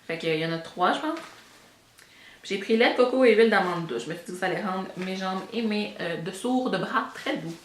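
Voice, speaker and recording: Brisk and lively in her intonation, a young Québécois woman with a medium-pitched voice rambles casually about beauty products, borrowing English words along the way. The sound is reverberant with a little hiss or hum.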